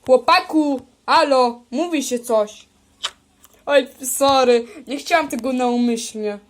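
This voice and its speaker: A woman's voice: high-pitched, slow pace, slight background noise. A woman improvising a toy role-play, voicing several bickering characters in a playful way. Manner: playful, bickering, switches between character voices. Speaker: toy video creator.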